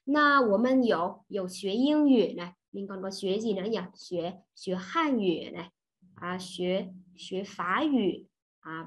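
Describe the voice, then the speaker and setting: A woman with a Vietnamese accent teaching an online Chinese class, patient and checking in with her students often. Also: medium pitch. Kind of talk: online language lesson.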